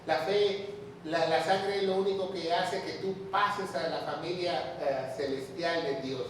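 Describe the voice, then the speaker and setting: A man's voice: fairly high pitch, fairly even intonation, a little slow, slight background noise. A man preaching a Bible teaching sermon as pastor, emphatic, repeating key phrases and throwing rhetorical questions at his listeners. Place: church or large hall, with the sermon streamed online. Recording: very echoey room, voice far from the mic.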